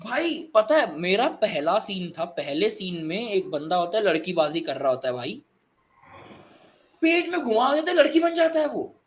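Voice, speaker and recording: A young man telling movie stories in an animated, excitable way in casual chat, mixing in English phrases. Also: sits high, normal speed, a little hiss or hum. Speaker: guest.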